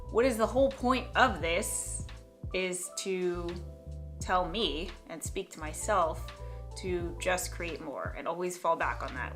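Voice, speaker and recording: In a reflective talking-head vlog, a young woman thinks aloud, hesitating, restarting and trailing off as she goes. Her voice is lowish, with a pushed, bright quality.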